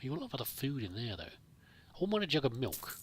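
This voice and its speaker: A let's play host rambles politely and hesitantly in casual, in-character roleplay commentary over a video game. He talks fast with a mid-range, slightly rough voice and big pitch swings, over faint background noise and game ambience.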